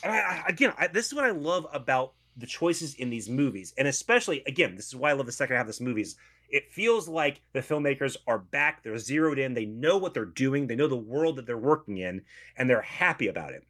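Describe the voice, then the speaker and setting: Male co-host, casual film review talk, eager and restarting often, lively pitch. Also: fairly quick. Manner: enthusiastic, animated, restarts often. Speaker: podcast co-host discussing a film.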